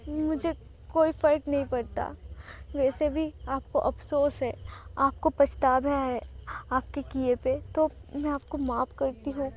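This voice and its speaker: A woman's voice: high-pitched, slight background noise. A woman voicing a shy, pouting young pregnant wife in a storybook audio drama.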